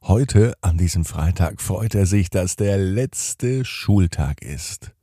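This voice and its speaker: Male bedtime narrator, gentle, husky, dry close sound. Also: deep voice, animated, slow, no echo. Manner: gentle, addresses children directly. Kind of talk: bedtime story narration for children.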